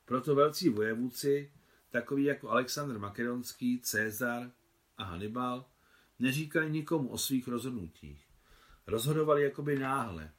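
A man reading aloud his own translation of a novel in a calm, measured storytelling manner. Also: mid-range voice.

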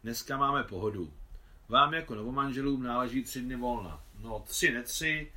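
A man's voice: medium pitch, bright, forceful tone. A man reading as a hearty older officer. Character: older male officer, kindly veteran photographer.

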